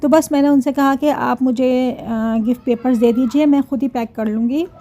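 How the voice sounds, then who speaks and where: A woman's voice: high-pitched, steady tone, normal speed, mellow. A woman, narrating her family vlog chattily and talking to her viewers. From Pakistan. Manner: chatty, laughs often, addresses viewers. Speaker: vlogger.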